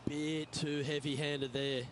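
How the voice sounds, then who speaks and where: A man voicing a measured golf commentator for a game, giving short, understated remarks on each shot. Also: on the high side, flat delivery. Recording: clear outdoor ambient noise.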